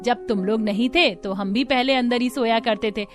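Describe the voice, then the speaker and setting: A woman with a fairly high voice acts out the figures of an animated family story. She switches between them in an expressive, dramatic manner, with light music running underneath. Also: moderate pace. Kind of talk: cartoon story voice acting.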